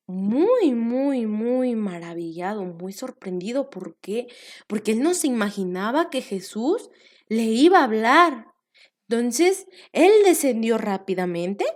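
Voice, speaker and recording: A young woman telling a Bible story to children as a teacher. She stretches out repeated words, keeps asking the children questions, and sometimes drops to a soft whisper. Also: medium pitch. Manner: animated, drawn-out repetitions, asks the children questions.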